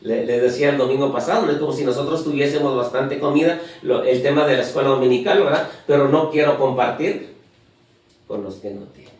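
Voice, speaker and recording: A preacher delivering a sermon, asking the congregation questions and counting off points. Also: male voice, medium pitch, fairly quick, darkish tone, distant mic. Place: church. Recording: echoey church heard from afar.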